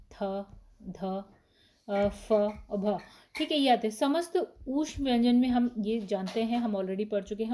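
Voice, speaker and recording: A woman's voice: a little high, dark tone. A woman teaching a casual exam-prep grammar lesson, explaining step by step and asking and answering her own questions, with short fillers as she reads the options. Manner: fillers and short pauses while reading options.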